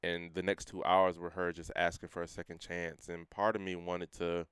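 A young man with a very deep, very clear voice tells a personal testimony in a casual interview. He talks earnestly, in everyday slang, and drops his voice when he quotes himself. The sound is dry and close. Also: level tone, normal speed, a bit bright, no echo. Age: young adult. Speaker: guest sharing his testimony.

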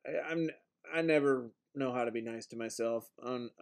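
A man's voice: mid-range voice, moderate pace. A man hosting a podcast, rambling casually in a self-deprecating, profane way. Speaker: podcast host.

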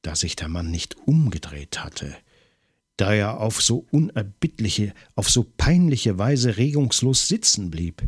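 A man narrating a crime audiobook in a measured, tense storytelling manner. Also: lowish voice, very animated, husky, no echo, studio quality.

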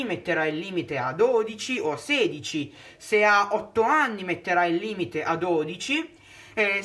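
A man's voice: high voice, sharp tone. A man co-hosting a podcast, explaining his topic in a methodical way. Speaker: podcast co-host. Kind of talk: podcast discussion.

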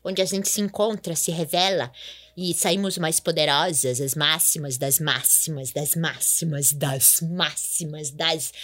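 A woman hosting a comedic clown podcast, talking in a playful, theatrical and bossy way with sudden high squeals. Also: measured pace, a bit bright. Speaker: podcast host.

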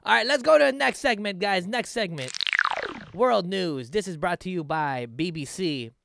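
A man's voice: high-pitched, lively intonation, moderate pace, gravelly, background noise. A man hosting a casual talk show, speaking in an emphatic, sweary way. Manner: emphatic, profane.

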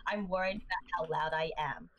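A woman co-hosting a casual chat show, talking in a loud, chatty storytelling way a little back from her mic. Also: deep voice, fairly even intonation, a little fast. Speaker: podcast co-host, convention staff and interpreter. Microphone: mic about thirty centimeters away.

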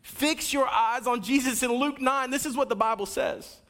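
High-voiced man preaching with wide swings. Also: normal speed. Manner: energetic preaching with wide swings in pitch and loudness; addresses the congregation directly, with asides and a coaching tone. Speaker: pastor. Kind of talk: sermon.

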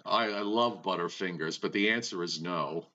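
A man's voice: low-pitched, sharp tone. A man co-hosting a casual chat and quizzing his partner in a guessing game, stopping and restarting often, heard over a bad connection that breaks up and lags. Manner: teasing quizmaster, halting with many restarts. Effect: bad connection, breaking up with delay. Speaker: co-host. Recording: muffled lo-fi remote line.

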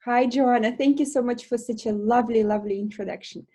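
A woman with a Belarusian accent and a soft-edged, mellow, slightly high voice answers questions as a guest in a casual interview about founding her lash business. Her intonation is fairly even, and since English isn't her first language, her phrasing is hesitant with frequent small pauses.

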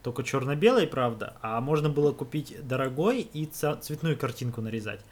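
A man co-hosting a casual chat, telling stories in a relaxed, slangy way. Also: medium pitch, brisk. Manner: laid-back, slangy storytelling. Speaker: podcast co-host.

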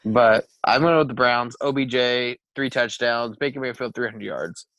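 A man co-hosting a casual sports podcast, excitable and profane, getting loud and passionate as he makes his picks. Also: mid-range voice, measured pace, no echo, lo-fi sound. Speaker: podcast co-host.

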